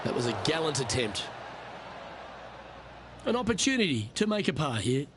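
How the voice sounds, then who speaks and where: A man voicing a golf commentator, calling play-by-play in a measured, encouraging way. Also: fairly high pitch, big pitch swings. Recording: music and crowd noise behind. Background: music, crowd.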